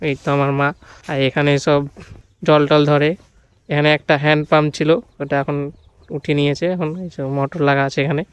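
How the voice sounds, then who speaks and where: A man's voice: on the high side, clean tone. A chatty young man, vlogging casually around a village and market on a handheld phone, often calling out to his viewers. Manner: chatty, keeps addressing viewers. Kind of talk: casual walk-and-talk vlog. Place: village home and outdoor market stalls.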